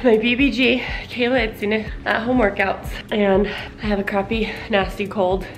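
A woman's voice: mid-range voice, level tone, moderate pace. A young woman chatting casually in a home vlog, out of breath from a workout and stuffed up with a cold. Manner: chatty, lots of "like" fillers. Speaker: family vlogger.

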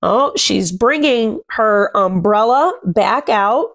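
Mid-range and fairly bright in tone, her voice has lively intonation and a slow pace, with no echo. She's a young woman hosting a children's read-aloud in a small room at home, reading a picture book with sing-song expression and chatting along.

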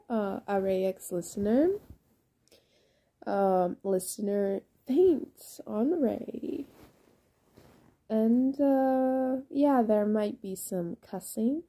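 A tired young woman with a rough voice, rambling and apologetic as she introduces her audio drama. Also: medium pitch, lively intonation, extremely slow, mellow. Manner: rambling, apologetic, many fillers. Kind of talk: casual intro chat.

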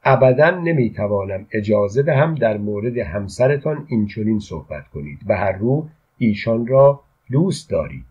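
Man voicing a cautious, soft-spoken royal physician. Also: fairly low pitch, big pitch swings, husky, highs cut off. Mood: guarded. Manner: soft, guarded.

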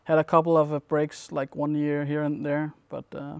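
A young man from Denmark, a competitive gamer, answering interview questions in a relaxed, rambling way with plenty of fillers. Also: on the high side, moderate pace, creaky, clear, resonant tone, no room sound. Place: dim indoor room at a gaming event.

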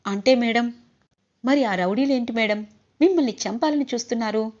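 A woman's voice: a little high, moderate pace, a little mellow, close to an everyday voice. A woman reading the lines of a kind young male auto driver, polite and reassuring. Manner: reassuring, polite, calls her madam. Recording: slightly dull lo-fi audio.

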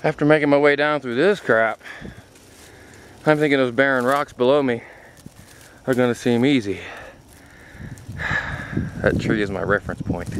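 A man's voice: medium pitch, low-quality recording. A middle-aged man filming himself on a hike, talking casually and rambling to the camera as he walks on an open mountain top. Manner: relaxed, rambling, talks to camera while walking. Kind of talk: casual spoken hiking commentary. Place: outdoors on a windy mountain top. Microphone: handheld camera mic. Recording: loud wind noise on camera mic.

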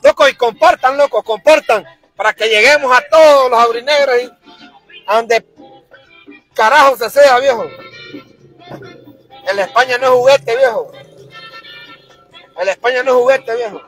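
Angry high-voiced Honduran man ranting. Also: moderate pace, pauses often, a bit bright, faint music behind, low-quality recording. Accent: Honduran Spanish. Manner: fired-up, crude, repetitive ranting. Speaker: football fan vlogger. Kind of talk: angry fan rant to camera.

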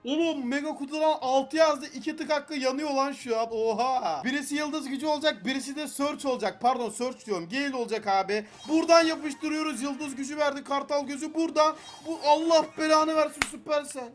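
A young man giving excited gameplay commentary, frustrated and pleading with the game as he opens loot boxes. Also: extremely high pitch, fairly quick, hardly any pauses. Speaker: gaming YouTuber.

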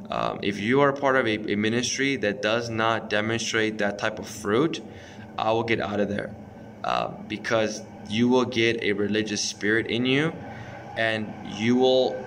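A man in his thirties delivers an informal sermon straight into a close phone camera in a small bedroom. His voice sits on the low side and he presses his points earnestly, stumbling and restarting often. A faint background hiss stays under the whole recording. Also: fairly even intonation, a little slow, fairly bright tone. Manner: earnest, exhorting, many restarts and fillers. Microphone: phone or webcam close up.

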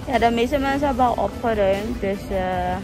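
Young woman, vlogger, speaking through a face mask, chatty, loud music underneath. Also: a little high, a little slow, crowd noise, poor audio. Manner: chatty, addresses viewers directly, mixes in English. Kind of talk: casual vlog chat to camera. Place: outdoors at a market and by a car.

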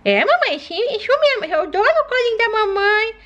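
A woman's voice: extremely high pitch, very animated, a little fast, dull audio, heavy background noise, voice pushed up. A woman voicing a sick, clingy little baby girl, cooing and whining in a doll play video. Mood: clingy whiny. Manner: babyish lisping coos and suckling hums.

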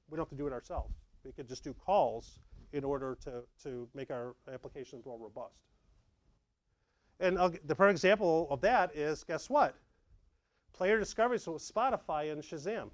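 A middle-aged man with a voice on the high side speaks at normal speed, presenting a meetup slide talk on tech in a lively, conversational way. He acts out examples for his audience in a dark meeting room with a projector, and there's no echo.

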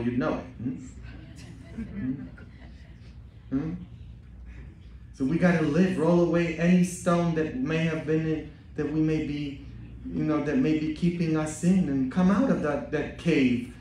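Priest in an echoey church. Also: male voice, fairly high pitch, unhurried, long pauses, distant mic, slight background noise. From Poland. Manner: joking, bantering with the congregation, rising to loud exhortation. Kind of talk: Easter homily and parish announcements. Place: large church.

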